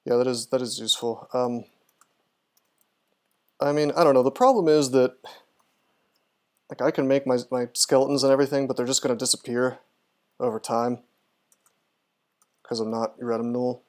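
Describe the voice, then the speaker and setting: A man streams a video game and commentates casually, chatting as he thinks aloud about his moves and answers chat. His voice sits at a medium pitch with fairly even intonation and a slightly mellow quality. He speaks at a normal speed but pauses often.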